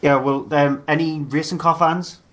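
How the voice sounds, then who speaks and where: A man's voice: a little high, steady tone, moderate pace, a bit bright. A man on a podcast panel, chatting in a rambling, easygoing way. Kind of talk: casual chat about games.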